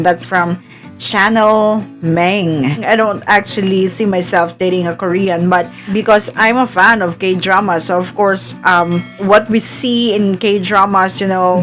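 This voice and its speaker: A woman from the Philippines chatting casually as she hosts a reaction video, with lots of fillers and laughs. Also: medium pitch.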